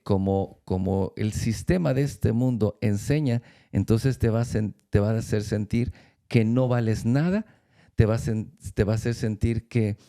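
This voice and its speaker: In a faith-based talk, a male church speaker tells stories in a deep, mellow, gravelly voice with a dark quality. He moves at an unhurried pace, pausing often and restarting phrases while he collects his thoughts.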